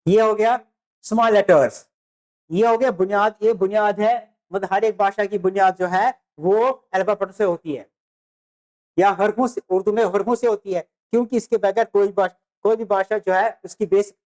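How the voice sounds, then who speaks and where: A teacher giving a beginner lecture on the alphabet, naming letters slowly one by one, repeating them and speaking straight to the students. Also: mid-range voice, a little mellow. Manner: addresses students directly with "dear students". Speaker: Urdu teacher.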